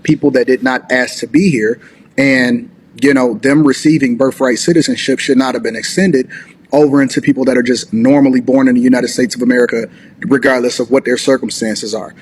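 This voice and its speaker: A man's voice: medium pitch, steady tone, a little fast, a little hiss or hum. A man hosting a reaction commentary, talking in long rambling sentences full of "you know". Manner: rambling, filler-heavy, argumentative. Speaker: commentary host.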